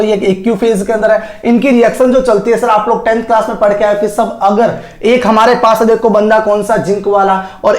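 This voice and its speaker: A man teaching chemistry in Hindi as a lecture, constantly asking questions and answering them himself, with homely analogies and calling his students "sir". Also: high voice. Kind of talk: classroom lecture. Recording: echoey room.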